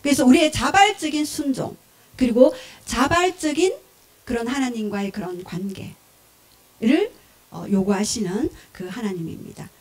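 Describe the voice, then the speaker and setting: A woman pastor preaching a sermon, telling parables in an animated way, acting out short voices and asking the congregation questions. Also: fairly high pitch, normal speed.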